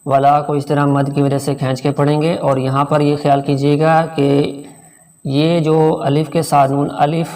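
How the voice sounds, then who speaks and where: A man with a Pakistani Urdu accent teaching a tajweed lesson, explaining pronunciation rules plainly and then chanting verses slowly and drawn out. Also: on the high side, level tone, a little mellow, far from the mic. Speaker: Quran recitation teacher.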